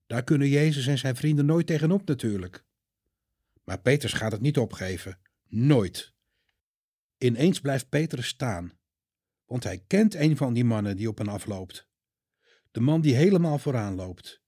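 A man telling a children's Bible story in a calm, clear way. His voice is mellow and slightly husky, and the recording is dry and close with no room sound. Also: mid-range voice, measured pace, long pauses, no echo.

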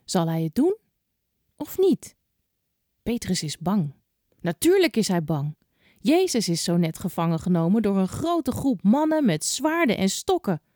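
Expressive woman telling a children's story. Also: medium pitch, moderate pace, no room sound, clean studio sound. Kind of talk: children's Bible story narration.

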